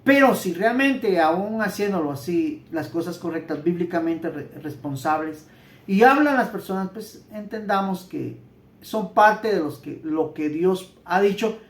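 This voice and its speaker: A man's voice: sits high, lively intonation, unhurried. Male Bible teacher, Central American accent, earnest conversational sermon, echoey room. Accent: Central American Spanish. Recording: roomy echo.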